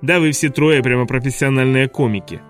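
A man voicing a vain, mocking male school vice principal who talks loudly and sneers. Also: medium pitch, fairly quick, faint music behind, lightly acted. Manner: loud, sneering, giggling.

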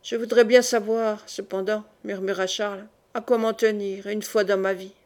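A woman voicing a suspicious, stern young French king who questions his court in a probing, quietly menacing way, in an audiobook. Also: mid-range voice, level tone, moderate pace, close to an everyday voice.

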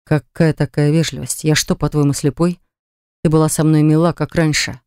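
A woman's voice: sits low, little pitch movement, normal speed, darkish tone, smooth, no room sound, clean studio sound. A woman voicing an insistent young man who pleads earnestly with his ex in an audiobook. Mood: sulky. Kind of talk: audiobook dialogue.

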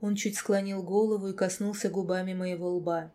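A woman reading a first-person novel aloud as audiobook narrator, in an expressive, emotional way. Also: mid-range voice, moderate pace.

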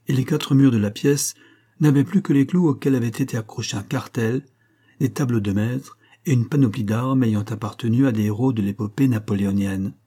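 A man reading a story aloud in measured narration, raising his voice for the characters' quoted lines. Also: medium pitch, warm tone, breathy edge. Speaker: audiobook reader. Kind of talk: scripted narration.

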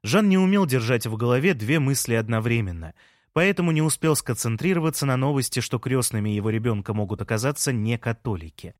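A man's voice: medium pitch, animated, fast talker, no echo. A man narrating a first-person audiobook in a dry, wry manner on a close mic.

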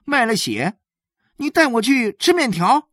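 Guy putting on a whiny little kid voice, high and slow, stubborn sad boy in a storybook. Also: sing-song, pushed and bright, no echo, clean studio sound, heavily acted. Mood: pleading. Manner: pleading, childish, whiny. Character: sad stubborn 11-year-old boy begging for a father.

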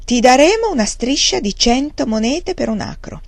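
A woman's voice: high voice, animated, normal speed, dry recording, voice pushed up. Woman doing an oily one-eyed buyer man. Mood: unctuous. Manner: unctuous, then harsh. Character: smooth-talking one-eyed male land buyer.

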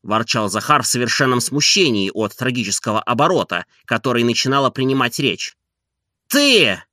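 Man, audiobook narration, animated, expressive, bright voice, dry close sound. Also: medium pitch, brisk, dry recording.

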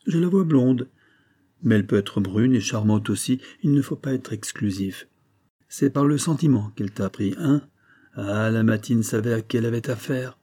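A man's voice: mid-range voice, normal speed, warm tone, breathy edge, no echo, studio quality, natural voice. A man voicing a vain, blustering older banker who lectures his son in a familiar, exasperated tone. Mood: teasing, familiar. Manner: familiar, then scolding and exasperated.

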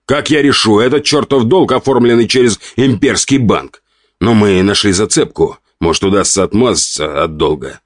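A man's voice: fairly low pitch, moderate pace, no echo, studio quality, voice pushed up, close to an everyday voice. A man reading an audiobook, voicing a rude, irritable count in his forties who growls and mocks his wife. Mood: irritated. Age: 40s. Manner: gruff, snapping, mocking.

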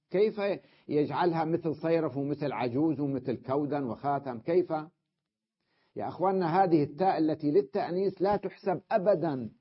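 A man's voice: a little high, breathy edge, muffled recording. A male teacher giving a classroom lesson on Arabic grammar, explaining step by step and often checking that his students follow.

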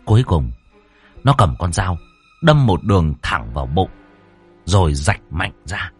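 Brief: male ghost-story reader, wildly varied pitch, faint music behind. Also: sing-song, a little slow, slightly rough. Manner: dramatic, swooping delivery.

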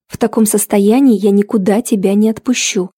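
A woman's voice: medium pitch, fairly even intonation, brisk, dark tone, breathy edge, no echo, studio quality, natural voice. A woman reading the lines of a stern, worried male prince of darkness, with clipped, commanding speech.

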